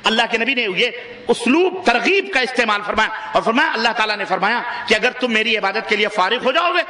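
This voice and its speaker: High-pitched fiery preacher, echoey. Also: male voice, animated, sharp tone. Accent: Pakistani Urdu. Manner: exhorting, rhetorical questions to the congregation; soars to high emphatic peaks. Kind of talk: impassioned sermon.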